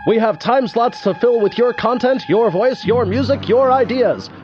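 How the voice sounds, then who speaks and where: A very high-pitched male announcer breaks in like a hijacked broadcast, his lines short, clipped and urgent. The sound is dull and lo-fi, with loud music running underneath. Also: moderate pace. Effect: mock hijacked-broadcast interruption. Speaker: radio station announcer. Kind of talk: scripted station promo.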